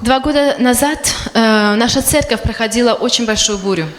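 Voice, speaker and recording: A woman interpreting a sermon live, phrase by phrase, with halting starts and repeated words. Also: fairly high pitch. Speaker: consecutive interpreter for a preacher. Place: large reverberant hall, through sound system. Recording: echoey hall with long reverb, PA sound.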